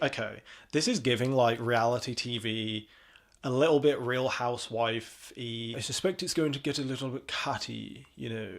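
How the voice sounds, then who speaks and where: A young man hosting a casual commentary, talking in a rambling, sarcastic way and swearing freely. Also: mid-range voice. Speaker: commentary host.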